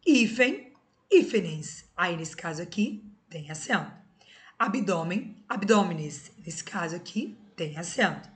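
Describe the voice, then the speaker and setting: A woman's voice: fairly low pitch, animated, slow pace. A woman teaching an exam-prep grammar lesson, explaining step by step and often checking in with her students. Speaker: Portuguese teacher.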